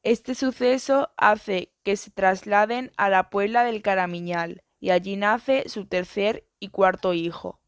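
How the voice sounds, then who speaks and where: A woman reading an educational biography and book summaries in a steady, even narration. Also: mid-range voice, unhurried, hardly any pauses, smooth, no echo, clean studio sound.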